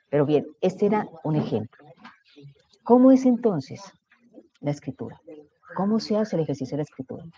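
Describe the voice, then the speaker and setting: A man's voice: on the high side, dark tone. A man running a writing workshop, explaining step by step and putting questions to his audience. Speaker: workshop instructor. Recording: dull lo-fi recording.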